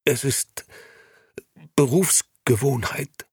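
Male reader doing meek grey agent before his judges, storybook, breathy stammer. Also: mid-range voice, measured pace, warm tone, no echo, studio quality, pitched above the performer's own voice, exaggerated voice. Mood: cowed. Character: cowed grey gentleman agent on trial, male.

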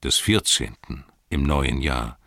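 A wise old wizard, voiced by a male audiobook reader, speaking low and unhurried in a soft, measured tone. His voice is very deep and gravelly, with a husky grain. The recording is close and dry. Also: dry recording, exaggerated voice. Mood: calm. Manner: calm, measured, soft-spoken.

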